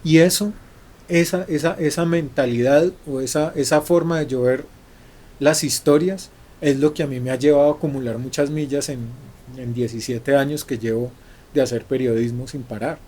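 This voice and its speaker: A middle-aged Colombian journalist with a Colombian Spanish accent, telling stories in an interview, often restarting and repeating words. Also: male voice, mid-range voice, steady tone, moderate pace, darkish tone. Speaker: journalist guest. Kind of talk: conversational storytelling interview.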